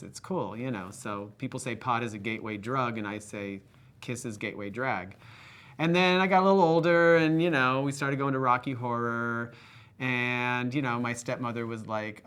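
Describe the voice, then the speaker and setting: A man's voice: mid-range voice, fairly bright tone. Man, wry joking manner, casual documentary interview, mid-range voice.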